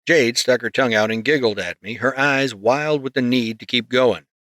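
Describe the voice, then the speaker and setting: A man narrating a story in the first person, reading in a steady, measured way close to the mic. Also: medium pitch, dry recording. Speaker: audiobook narrator.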